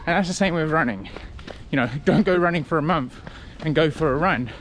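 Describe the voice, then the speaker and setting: A man talking casually to camera as a running vlogger, in a reflective, conversational way with halting short phrases. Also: fairly high pitch, slight background noise. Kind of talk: casual vlog talk to camera.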